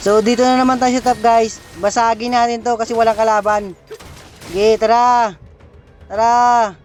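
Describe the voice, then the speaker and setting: A man streaming a mobile game, giving excitable play-by-play commentary, laughing often and taunting his opponents. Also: extremely high pitch, moderate pace, faint music behind. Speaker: gaming streamer. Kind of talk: live gameplay commentary.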